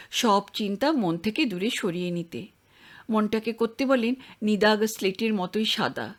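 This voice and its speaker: Woman narrating a literary audio story. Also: a little high. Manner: measured literary reading.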